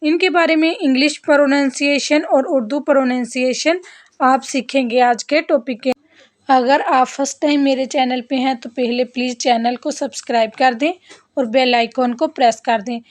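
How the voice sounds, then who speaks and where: A woman's voice: high-pitched, fairly even intonation, normal speed. A woman narrating a vocabulary lesson as a voice-over, drilling words one at a time. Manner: repetitive word-by-word drill. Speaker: English vocabulary teacher.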